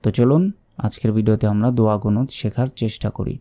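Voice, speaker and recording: A man teaching prayer recitation, drawing out each word slowly between quick explanations. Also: fairly low pitch, steady tone, dark tone. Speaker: religious teacher. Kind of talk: recitation lesson.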